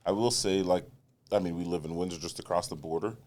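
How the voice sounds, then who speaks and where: A man's voice: deep voice, fast talker, darkish tone. A man co-hosting a casual podcast chat, joking and laughing often with the guest. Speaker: podcast co-host.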